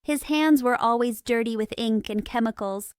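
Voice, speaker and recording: A woman narrating a story in clear, steady, simple storytelling for English learners, on a close studio microphone. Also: on the high side, normal speed, dry recording. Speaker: audiobook narrator.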